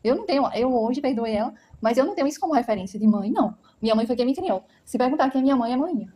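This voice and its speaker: Young woman, vlogger, rapid blunt testimony with a warm, fairly high voice. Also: expressive. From Brazil. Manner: blunt, emphatic storytelling with frequent "entendeu?". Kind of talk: personal testimony to camera.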